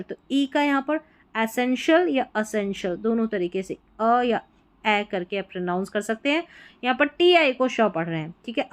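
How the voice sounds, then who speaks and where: A woman's voice: sits high, a bit bright. A woman teaching English reading, spelling words letter by letter and then explaining how to pronounce them and what they mean. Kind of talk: slow word-by-word reading lesson.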